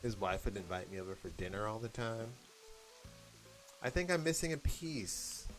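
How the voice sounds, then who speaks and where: A man's voice: lowish voice, lively intonation, normal speed, over music. A young American man chatting casually and rambling while he plays a game, laughing now and then. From United States. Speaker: gaming vlogger.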